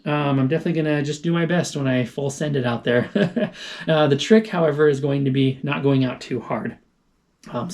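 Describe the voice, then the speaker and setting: A man's voice: medium pitch, darkish tone. A man talking casually to camera as a running vlogger, explaining things informally and thinking aloud. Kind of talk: casual vlog talk to camera.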